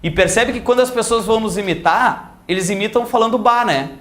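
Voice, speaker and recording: Brief: Gaúcho man, grammar teacher, high voice, animated and mimicking, echoey classroom sound. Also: a little fast. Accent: Gaúcho Portuguese. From Rio Grande do Sul, Brazil. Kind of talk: lively classroom lecture with anecdotes.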